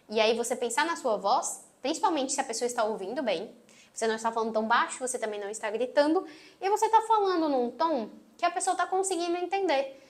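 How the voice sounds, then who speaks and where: Sweet-voiced Brazilian woman teaching. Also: a little high. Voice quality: sweet, gentle voice. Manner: emphatic, closes phrases firmly. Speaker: marketing instructor. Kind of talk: online course lesson. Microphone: phone on tripod.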